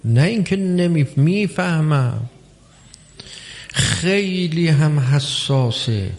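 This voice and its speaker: A man preaching a religious sermon, measured and emphatic, with long pauses between phrases. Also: on the high side, animated. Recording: long hall reverb.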